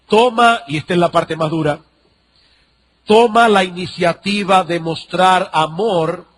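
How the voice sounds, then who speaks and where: Male pastor, high voice, sermon delivery with repeated rhetorical questions. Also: fairly bright tone. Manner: preaching with rhetorical questions and repetition.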